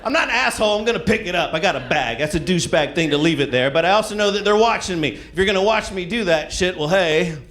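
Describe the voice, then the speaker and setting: A man's voice: high voice, expressive, fast, hardly any pauses, fairly bright tone. A middle-aged man performing stand-up comedy as conversational, profane storytelling, acting out bits of dialogue. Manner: acts out dialogue and reactions. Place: live venue in front of an audience. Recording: noisy live comedy club recording.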